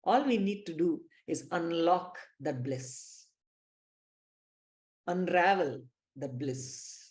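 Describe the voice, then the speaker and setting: Woman, Indian English accent, spiritual teacher; slow, emphatic, lower-pitched delivery. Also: animated, a little mellow. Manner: slow, emphatic, teacherly, addresses listeners directly. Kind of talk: live online spiritual class.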